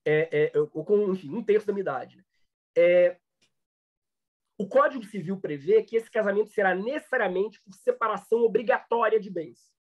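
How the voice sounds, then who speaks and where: A man's voice: high-pitched, normal speed. Brazilian guy teaching law, lots of uh and restarts, muffled audio. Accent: Brazilian Portuguese. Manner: hesitant, many fillers and restarts. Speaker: law professor. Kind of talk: online lecture.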